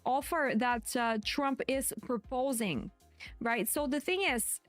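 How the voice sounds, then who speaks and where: Quiet but clear woman, high-pitched trading commentary. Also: slow pace, no room sound, soft background music. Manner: hesitant, self-correcting, repeats phrases. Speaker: trading stream host. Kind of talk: live market commentary, casual and explanatory.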